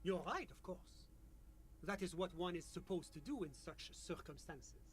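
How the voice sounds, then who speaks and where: A man's voice: sits high, animated, a little fast, fairly bright tone, slight background noise. An actor playing a polite, composed male witness with a formal, courteous manner. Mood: calm.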